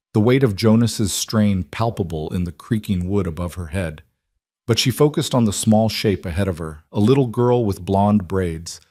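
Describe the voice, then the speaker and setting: A man narrating a story in an even, measured reading. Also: fairly low pitch, no echo, clean studio sound. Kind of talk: scripted audiobook narration.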